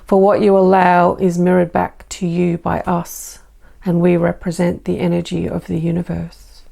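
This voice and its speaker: An Australian woman speaking as a benevolent spirit entity in a channelled spiritual message, slow and formal with repeated phrases. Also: lowish voice, completely flat delivery, gravelly, warm tone. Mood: serene, benevolent.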